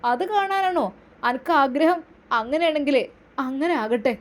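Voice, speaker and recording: A woman plays a stern mother, scolding in a high, sharp-tempered voice. She threatens and lectures in this storybook tale. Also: animated, normal speed.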